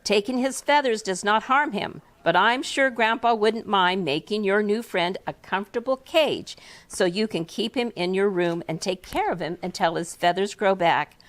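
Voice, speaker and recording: A woman author reading her picture book aloud to a first grade class in a classroom, with an expressive, animated delivery. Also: medium pitch, normal speed. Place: elementary school classroom.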